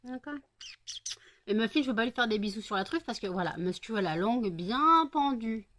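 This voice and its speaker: A woman's voice: on the high side, expressive, fast talker, a bit bright, a little hiss or hum. A French woman vlogging at home, tired and sleepy, chatting casually and talking baby-talk to her dogs.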